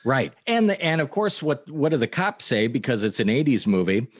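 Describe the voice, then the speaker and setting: A man's voice: medium pitch, sing-song, normal speed. A man co-hosting a podcast, casually recapping a horror film with wry, joking asides. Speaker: podcast co-host. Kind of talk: casual movie-recap chat.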